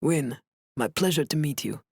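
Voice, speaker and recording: A woman narrator voicing a guarded man with a deep, clipped, indifferent voice. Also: moderate pace, gravelly, a little mellow, breathy edge, no echo, studio quality. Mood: polite. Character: cool, guarded young man with a clipped accent.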